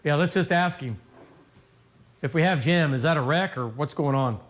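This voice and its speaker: A man's voice: fairly high pitch, normal speed. An American man anchoring live severe weather coverage off the cuff, folksy and emphatic, repeating phrases for stress. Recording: noticeable background noise.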